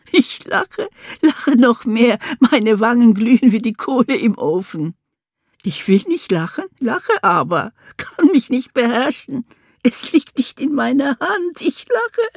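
A woman narrating a literary first-person story in a slow, poetic manner, sometimes dropping into a whisper. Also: fairly low pitch, vocal fry, warm tone, breathy edge, dry recording, clean studio sound.

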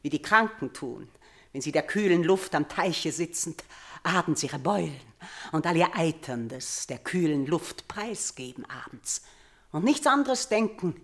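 A woman's voice: fairly low pitch, animated, normal speed. A haunted aging queen. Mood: weary. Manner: theatrical, swings from loud cries to hushed near-whispers. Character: aging queen mother haunted by nightmares, fearful and imperious. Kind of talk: 1950s radio drama acting.

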